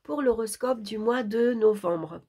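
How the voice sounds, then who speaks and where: Husky, creaky-voiced woman with a sore throat. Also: on the high side, measured pace, dark tone. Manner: conversational, often ending phrases with tag questions. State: sore throat, hoarse, speaking softly. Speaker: tarot reader hosting a monthly horoscope. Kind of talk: casual explanatory card reading.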